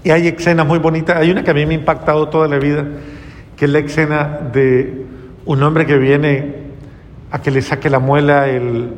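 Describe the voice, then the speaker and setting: Earnest male preacher, slightly high voice, long hall echo. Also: little pitch movement, normal speed, slight background noise. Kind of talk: sermon.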